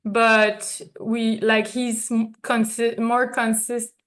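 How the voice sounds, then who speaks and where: A woman with a French accent speaks on stage after being honored. Her voice sits somewhat high. English is not her first language, so she fills pauses with "uh" and "like" and sometimes searches for the right word. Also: flat delivery. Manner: searches for English words, many fillers, soft laughs. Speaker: honoree giving a speech. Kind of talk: stage acceptance speech.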